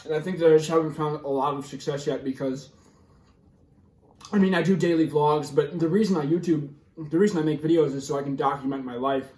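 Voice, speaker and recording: A man's voice: a little high, steady tone, fairly quick, warm tone, far from the mic. A young American man in his twenties gives candid, rambling, slangy answers in a casual interview while his mouth burns and his throat tightens from spicy food. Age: 20s. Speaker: YouTube vlogger being interviewed. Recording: roomy, echoey sound.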